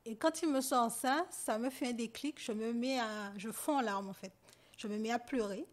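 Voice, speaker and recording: A woman guest on a podcast giving a personal account, talking softly and haltingly with many pauses and fillers. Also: fairly high pitch. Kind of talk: personal testimony in conversation.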